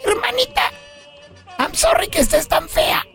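Squeaky whiny little boy. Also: measured pace, over loud music. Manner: squeaky childish whine.

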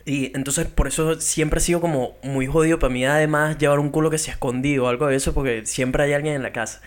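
A man's voice: on the high side, fast. A young man with a Venezuelan accent, co-hosting a casual podcast chat and telling stories with lots of laughter. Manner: animated storytelling, laughs often. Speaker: podcast co-host.

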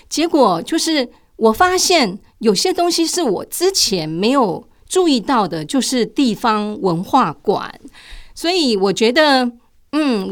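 Sharing personal experiences as an interview guest, a retired older woman responds conversationally. She has a Taiwanese Mandarin accent and a fairly high-pitched voice.

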